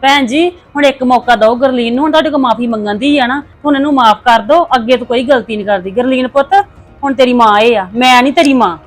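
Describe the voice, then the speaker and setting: A woman's voice: fairly high pitch, fast talker, faint music behind, lightly acted. An actress playing a mother who pleads for her daughter and comforts her. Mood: soothing. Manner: soothing, pleading. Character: comforting older mother of the bride. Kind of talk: family drama acting.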